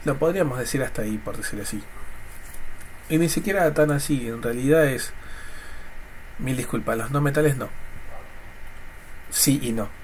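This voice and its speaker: A man's voice: medium pitch, rough recording. A man with a Rioplatense accent and a congested, snotty nose, teaching informally in a colloquial, jokey way. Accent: Rioplatense Spanish. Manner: colloquial, jokey, voices students' questions and answers them. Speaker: chemistry teacher. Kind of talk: informal recorded lesson. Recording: clear background noise. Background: noise.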